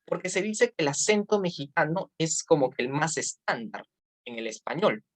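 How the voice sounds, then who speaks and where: A woman's voice: deep voice, sing-song, normal speed. A Peruvian woman teaching history for an exam-prep course in a chatty manner, often checking in with tag questions. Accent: Peruvian Spanish. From Peru. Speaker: history tutor. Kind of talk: online exam-prep lecture.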